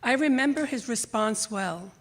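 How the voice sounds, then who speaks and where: A slightly high voice with a breathy edge and a moderate pace belongs to an older woman reading her personal essay at a live library theater event. She grew up speaking Greek or Italian, emigrated from Greece to the U.S. as a child, and tells the story expressively, performing remembered lines of dialogue.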